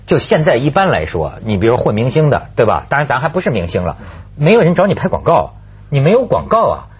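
A man hosting a casual panel chat in a rambling, animated way, repeating phrases and throwing out rhetorical questions. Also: mid-range voice, quick pace, slightly rough, highs cut off. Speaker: talk show host.

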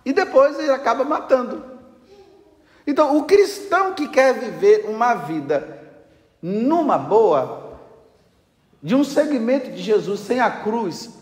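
A man with a Brazilian Portuguese accent preaching a sermon, animated, with rhetorical questions. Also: very high-pitched, roomy sound, big-room sound.

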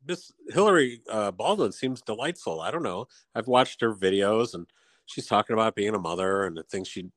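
A man's voice: on the low side, no echo. A man in casual chat, telling stories and laughing often. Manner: chatty storyteller, laughs often.

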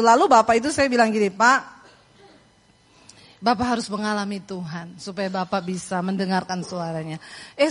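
A middle-aged woman from Indonesia preaching a sermon, telling a story with laughter and acting out voices. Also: medium pitch.

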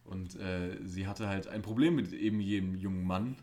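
A man's voice: low voice, moderate pace, mellow. A young man co-hosting a podcast, chatting casually, joking around and telling stories. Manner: joking, storytelling, self-styled class clown. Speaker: podcast co-host. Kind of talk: casual chat.

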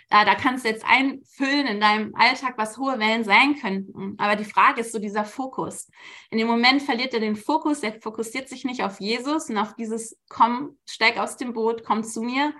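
A woman in her thirties giving a casual devotional talk at church, colloquial and relaxed, with frequent filler sounds. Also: on the high side. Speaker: church speaker.

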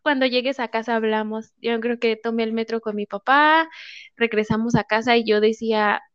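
A young woman with a Mexican accent tells her story with energy and acts out the voices of the people in it. Her voice sits a little high and sounds dry and close, with muffled, lo-fi audio. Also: normal speed, clean tone, no room sound. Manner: lively storyteller acting out quotes. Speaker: guest. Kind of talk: casual interview chat.

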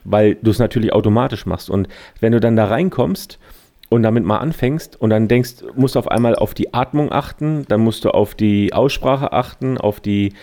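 A man's voice: lowish voice, moderate pace, warm tone. A man talking as a podcast guest about his speaker training, rambling with many fillers. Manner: rambling, many fillers, laughs while reading aloud. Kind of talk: casual chat.

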